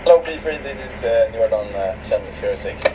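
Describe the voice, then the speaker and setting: A man on another boat talking over a marine VHF radio, using call procedure with hesitant filler pauses. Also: lowish voice, animated, noisy background. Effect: heard over a marine VHF radio. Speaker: sailor calling from another boat. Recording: distant, dull marine radio speaker.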